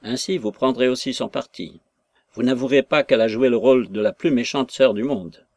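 A man's voice: mid-range voice, brisk, darkish tone, no room sound, natural voice. A man reading aloud, voicing a quarrelsome old country father who fires indignant, accusing questions.

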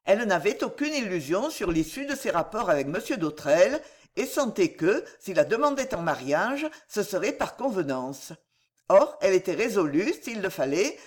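Expressive woman reading a classic novel. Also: mid-range voice. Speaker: audiobook reader. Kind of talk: scripted narration of a classic novel.

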